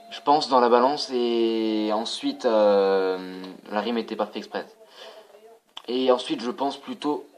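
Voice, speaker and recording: Young guy narrating his footy game for his channel, gets hyped, curses a lot, chats to the viewers. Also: medium pitch. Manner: excitable, casual, swears, talks to viewers as "les gars". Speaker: gaming channel host. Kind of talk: live commentary over a football video game.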